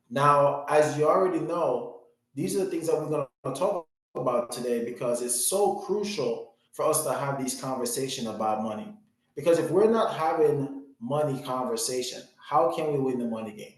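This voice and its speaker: Man from Jamaica, motivational financial educator, middle-pitched voice, very echoey room. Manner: earnest, motivational, repeats phrases with many "you know" fillers. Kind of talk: webinar-style presentation.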